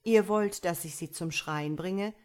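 A woman's voice: fairly low pitch, measured pace, a little mellow, natural voice. A woman reading aloud and voicing a cruel male dwarf clown who speaks sternly and mockingly in a theatrical way.

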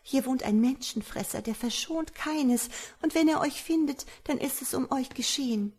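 A woman voicing a beautiful young woman in a fairy tale, speaking high and urgently. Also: normal speed, a little mellow, husky. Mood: anxious.

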